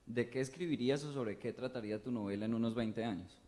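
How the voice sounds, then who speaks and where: A man's voice: mid-range voice, warm tone. A young man in the audience of a university talk, politely asking the author a question. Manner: polite, quick. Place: university lecture room.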